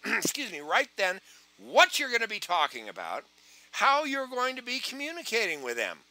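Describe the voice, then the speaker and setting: Animated, bright-voiced male sales trainer. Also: high-pitched, rough recording. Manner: animated, acts out phone calls. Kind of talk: live online training session.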